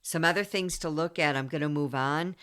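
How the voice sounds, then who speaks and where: A woman's voice: low voice, brisk, fairly bright tone. A woman astrologer giving an emphatic, preachy reading, often repeating herself for stress.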